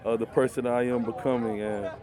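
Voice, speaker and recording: Brisk and fairly flat in pitch movement, the medium voice belongs to a young college football player from Michigan. Interviewed outdoors at a youth football camp with a crowd audible, he talks earnestly and casually, using plenty of fillers.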